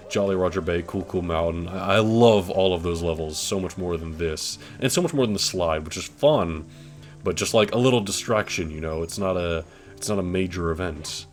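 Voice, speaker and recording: A man with a low voice talks through a video game as a let's play host. His commentary is casual and conversational, wandering into asides, with game music playing clearly behind him.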